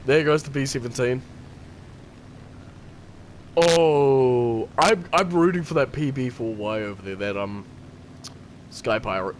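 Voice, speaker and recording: A man's voice: mid-range voice, slow, long pauses, slight background noise. A man streaming a game and chatting casually, rambling, repeating himself and laughing often. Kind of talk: casual gameplay commentary.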